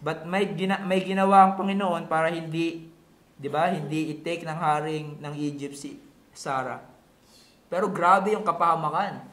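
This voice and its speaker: A man from the Philippines with a Filipino accent delivers a sermon in Tagalog and English, posing rhetorical questions and hammering key words to teach his point. As a pastor in an echoey room, he speaks at normal speed in a steady, somewhat high, slightly bright voice.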